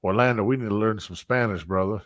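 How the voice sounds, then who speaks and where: A man hosting a podcast in casual chat, lively, often cutting in and repeating himself. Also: on the low side, quick pace, no room sound, clean studio sound. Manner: animated, interrupts and repeats himself. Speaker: podcast host. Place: live stream studio.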